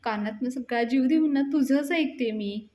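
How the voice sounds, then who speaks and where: A woman's voice: high voice, unhurried, mellow. A woman voicing a doting, lovesick young woman who talks in a sweet, clingy way.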